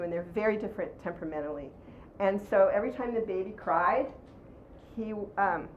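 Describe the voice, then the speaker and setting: A woman giving a workshop talk to an audience, taking questions and acting out scenes as she tells them. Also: fairly low pitch. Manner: animated storyteller, acts out quoted voices. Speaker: workshop presenter. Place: room with audience. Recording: roomy, dull lo-fi sound with faint noise.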